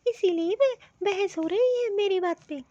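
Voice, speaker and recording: A woman's voice: very high voice, a little slow, mellow, no room sound. A woman voicing a simple, affectionate old mother-in-law from a village in a cartoon story, with homely, rustic talk. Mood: meek. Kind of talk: cartoon voice acting. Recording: dull, dry lo-fi recording.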